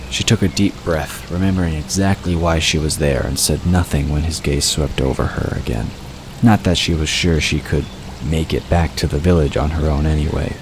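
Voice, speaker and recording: As an audiobook narrator, a man with a very deep voice reads scripted fiction in a storytelling style. Background noise, outdoor ambience, and water sound effects accompany him.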